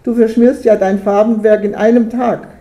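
A narrator doing a gruff scolding village father. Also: medium pitch, flat delivery, moderate pace, dark tone, close to an everyday voice. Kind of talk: storybook reading. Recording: roomy echo.

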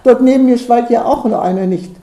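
A woman voicing a gruff, excitable village farmer who exclaims loudly, read aloud in an echoey room. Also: very high-pitched, brisk, dull audio. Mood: blustering.

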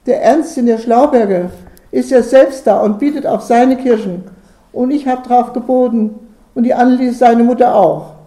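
A woman voicing a gruff, excitable village farmer who exclaims loudly, read aloud in an echoey room. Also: extremely high pitch, moderate pace. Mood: exclaiming.

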